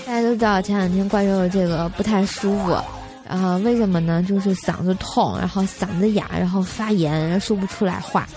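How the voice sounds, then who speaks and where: A woman's voice: mid-range voice, brisk, music in the background. A young woman from Tianjin, China, hosting a comedy show and telling funny stories in a chatty, giggly way. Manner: chatty, giggly, piles on filler words. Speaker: comedy radio host. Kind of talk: comic storytelling.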